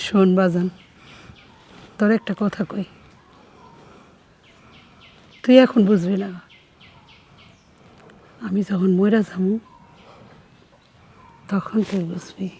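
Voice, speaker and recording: A woman's voice: high-pitched, fairly even intonation, a little slow, pauses often, dark tone. An actress playing a sick, hurt old mother. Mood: resigned sorrow. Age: older. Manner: pleading, village speech. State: feverish. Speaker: mother-in-law. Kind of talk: TV drama acting.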